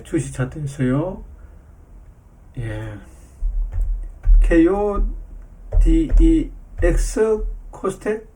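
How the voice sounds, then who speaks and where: A middle-aged man giving a slow, repetitive lesson on stock charts, often filling pauses with short affirmations. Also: fairly high pitch, mellow. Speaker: stock market commentator.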